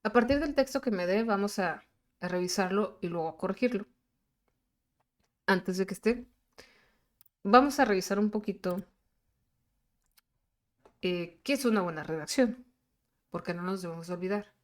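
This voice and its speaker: A woman teaches in a screen-recorded lesson. She speaks at a middle pitch and explains slowly and patiently. She pauses often and fills the gaps with hesitant sounds.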